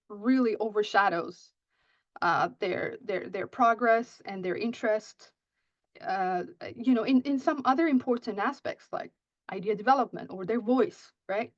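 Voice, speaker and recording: In a slightly high voice, a Persian-native writing instructor presents at a conference on how to teach writing. Her delivery is peppered with "right?" and many restarted sentences, captured in muffled, dry audio.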